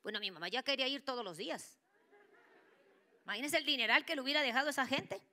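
Woman preacher, bright voice, lively storyteller, slips into whispers. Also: high-pitched, fast talker. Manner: animated storytelling, drops into whispers for quoted voices. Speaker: church speaker. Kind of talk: sermon with personal testimony.

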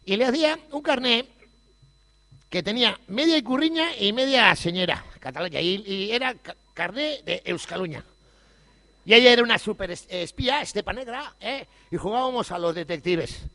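Male speaker, higher pitched, cracks jokes and curses through a festival speech, long hall reverb. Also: animated, normal speed, pushed and bright. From Basque Country. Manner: irreverent, joking, swears freely. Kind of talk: humorous public speech.

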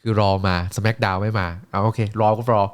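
A man's voice: fairly low pitch, little pitch movement, unhurried, smooth. A man streaming, telling a story in casual chat with crude slang and acted-out voices.

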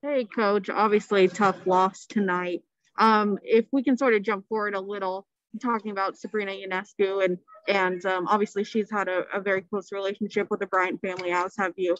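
A woman's voice: medium pitch, steady tone, normal speed, no room sound. A female reporter asks a coach a question carefully and politely. Her mid-range voice comes through a dull, lo-fi remote call, and it sounds dry with no room. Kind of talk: press conference question over a call.

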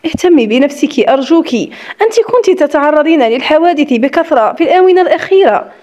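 A woman voicing a gentle, loyal young friend. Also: high voice, expressive, fast. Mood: coaxing. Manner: gentle and soothing.

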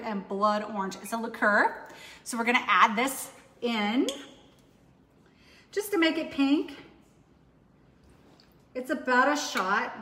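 Chatting casually as a cooking demo host, a woman in her forties walks through a drink recipe in her kitchen, upbeat, rambling and full of restarts. Her voice sits on the high side, a bit bright, with a little hiss or hum. An overhead camera records from afar in an echoey room with long reverb.

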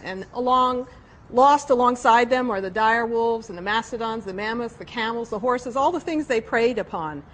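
Middle-aged lady scientist in a nature documentary interview, bit high voice. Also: a bit bright.

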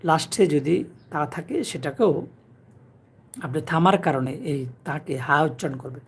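A man from Bangladesh teaching Quran recitation to viewers, chanting verses slowly and drawn out, then explaining pronunciation quickly. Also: on the high side, animated, breathy edge. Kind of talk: tajweed lesson for viewers.

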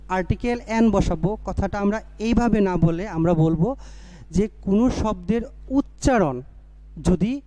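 High-voiced male teacher explaining grammar. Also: warm tone, dry recording. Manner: explains step by step, repeats key phrases; asks questions then answers them himself. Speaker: English teacher. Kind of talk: classroom grammar lesson.

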